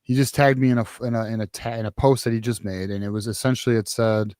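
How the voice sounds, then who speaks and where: A man's voice: lowish voice, steady tone, fast, darkish tone, no room sound, studio quality. A man hosting a postgame sports talk show, ranting casually with profanity and frequent restarts. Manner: profane, heated, rambling with many restarts. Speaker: podcast host.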